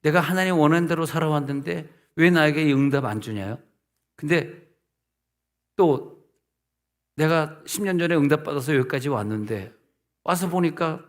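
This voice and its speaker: A middle-aged male pastor delivers a sermon with a slightly high voice. He talks to the congregation as if in conversation, fires rhetorical questions at them, and slips into the voices of the people he quotes. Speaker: senior pastor.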